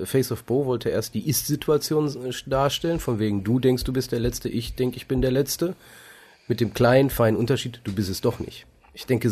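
A man's voice: on the low side, darkish tone, husky. A man co-hosting a casual chat, discussing a TV episode and teasing his co-host. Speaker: podcast co-host.

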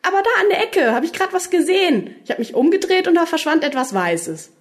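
A skittish young woman who snaps back with cheeky remarks, as a woman reads her. Her lively voice rises and falls freely in this storybook reading. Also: very high voice, fairly quick, pitched above the performer's own voice. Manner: jumpy, sassy. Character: nervous, sharp-tongued young woman companion.

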